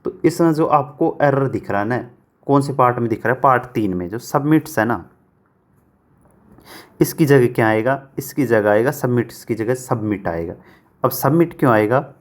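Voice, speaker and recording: A man teaching English grammar for exam prep in Hindi, who asks questions and answers them himself and reads example sentences out slowly, word by word. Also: medium pitch, expressive. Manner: asks and answers his own questions, repeats answers.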